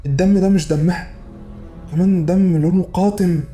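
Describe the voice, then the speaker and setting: A man's voice: sits high, steady tone, brisk, warm tone, soft background music. A man with an Egyptian accent telling a first-person horror story in a frantic, urgent way, repeating himself for effect. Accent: Egyptian Arabic.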